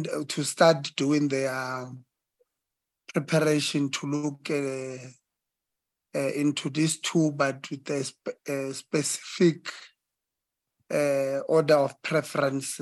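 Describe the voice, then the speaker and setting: A man speaking as a committee member in a formal debate, halting with many pauses and fillers. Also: mid-range voice, no echo.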